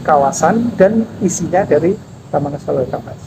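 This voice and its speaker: A man in his fifties, head of a national park office, answering interview questions in a measured, explanatory way with frequent pauses and fillers. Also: fairly high pitch, animated, creaky. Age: 50s. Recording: noisy background with passing vehicles.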